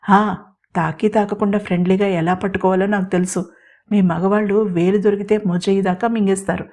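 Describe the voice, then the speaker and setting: A woman's voice: medium pitch, little pitch movement, a little mellow, lightly acted. A woman voicing a bold, scheming young woman who scolds and bosses others in an audio story. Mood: bossy teasing. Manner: bossy, rapid, scolding.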